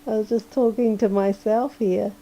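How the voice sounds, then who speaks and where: A woman chatting casually on a livestream while drawing, hoarse and sleepy, rambling and chuckling often. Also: mid-range voice, steady tone, moderate pace, mellow. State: hoarse, losing her voice. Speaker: livestreaming digital artist.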